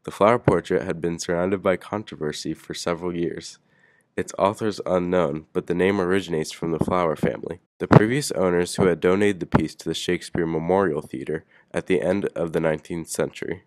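A man's voice: low-pitched, steady tone, brisk. A man narrating a school project presentation, reading steadily from a script. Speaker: student presenter.

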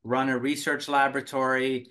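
A middle-aged man, raised in Finland, speaks at a medium pitch over a video call. He answers steadily and thoughtfully, stopping often for filler sounds and restarting his sentences. He sounds like a researcher talking about his work from a home office. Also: flat delivery, normal speed, pushed and bright. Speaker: cancer researcher and oncologist.

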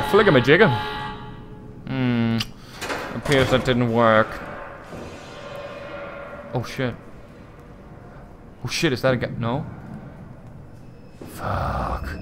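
A man hosting a let's play, giving excitable gameplay commentary with swearing and loud reactions to scares. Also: medium pitch, slight background noise.

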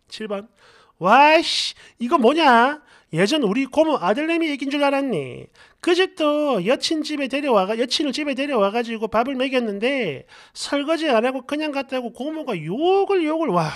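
Woman, story channel narrator, reading comments aloud, brash and slangy, animated swinging pitch. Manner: lively, animated delivery.

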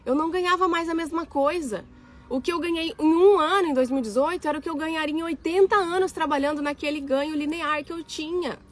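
A woman's voice: high-pitched, fast talker. A young woman from Brazil, an architect and influencer, chatting casually to her followers and reading their comments, emphatic and given to repeating phrases. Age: young adult. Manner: emphatic, repeats phrases, addresses audience as gente.

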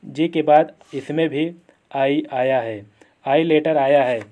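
A man teaching English pronunciation, explaining slowly and repeating each example word. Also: fairly high pitch, mellow. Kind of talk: classroom lesson.

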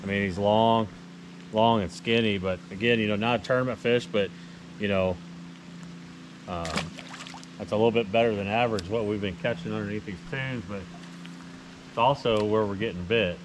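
With a fairly low, fairly even voice at a moderate pace, pausing often, a middle-aged American fishing vlogger and tournament angler rambles folksily to camera as he fishes. He sits in a small boat on a lake, and the action-camera audio is full of ambient noise.

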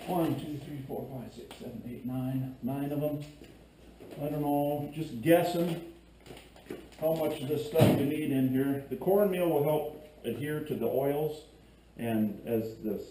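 A man's voice: mid-range voice, dark tone. A middle-aged man hosting a casual how-to vlog, joking and rambling while he works in a cluttered garage workshop, filmed from a camera set back from him. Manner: joking, rambling, chatty asides while working. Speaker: fishing video host. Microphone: far camera on a tripod. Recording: echoey garage with faint hum.

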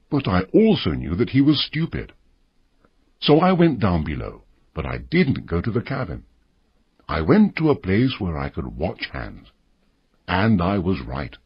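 Husky, expressive male storyteller. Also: low-pitched, measured pace, no room sound, dull audio. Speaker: narrator. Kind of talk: storybook reading for English learners.

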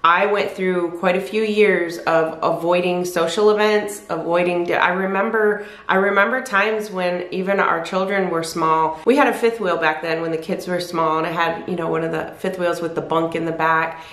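With a fairly low, fairly bright voice, this woman in her fifties talks at a moderate, steady pace with hardly any pauses. She's a weight loss vlogger rambling candidly to camera in her living room by the fireplace, frequently restarting and self-correcting. The camera is at desk distance in an echoey room.

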